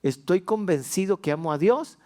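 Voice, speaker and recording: A man's voice: high-pitched, animated, moderate pace, dark tone. A man with a Mexican accent preaching a sermon as pastor in a folksy, humorous way that grows fervent, in a church. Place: church sanctuary.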